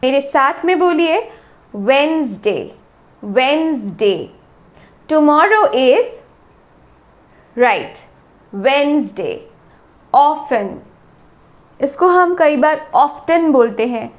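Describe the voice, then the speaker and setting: A woman with an Indian accent teaching English pronunciation, repeating each word slowly and drawing out its syllables. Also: high-pitched, expressive. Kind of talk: slow, deliberate pronunciation lesson.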